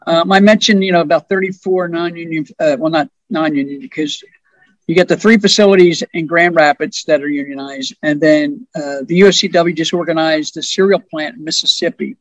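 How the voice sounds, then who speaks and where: A man's voice: on the high side, fairly even intonation, brisk, no room sound, poor audio. A man, a union organizing director, talking plainly in a podcast conversation and telling stories with asides.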